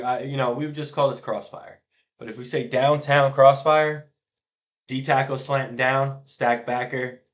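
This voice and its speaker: A middle-aged man, a youth football coach, casually explaining blitz schemes over a diagram, often trailing off quietly at the ends of phrases. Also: mid-range voice.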